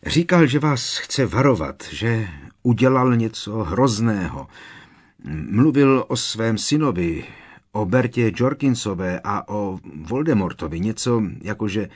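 A man's voice: on the low side, animated, breathy edge. A man doing a frantic teenage schoolboy. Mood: urgent. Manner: urgent, pleading, raised voice. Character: anxious teenage schoolboy, urgent and breathless. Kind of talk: audiobook character voice.

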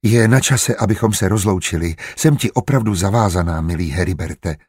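A man's voice: low voice, a little mellow, slightly rough, dry recording, clean studio sound. A man voicing a sincere, earnest married woman who speaks with restraint in an audiobook. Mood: gracious. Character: sincere married woman, careful of her name. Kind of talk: audiobook character reading.

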